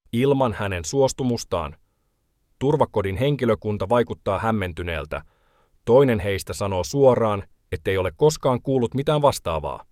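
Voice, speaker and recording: Low-voiced man reading documentary narration. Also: a little mellow, dry recording, studio quality. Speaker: reporter narrating a feature.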